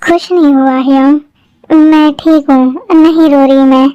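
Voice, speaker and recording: Woman voicing a lovesick young woman, fan dub, high voice, dry close sound. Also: steady tone, measured pace, dark tone, no room sound, highs cut off, faint music behind. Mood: tearful. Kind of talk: fan-made dubbed drama.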